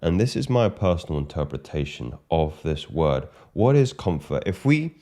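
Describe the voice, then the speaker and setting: Very deep-voiced British man coaching. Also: big pitch swings, warm tone. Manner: measured, emphatic, repeats key phrases. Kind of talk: monologue to camera.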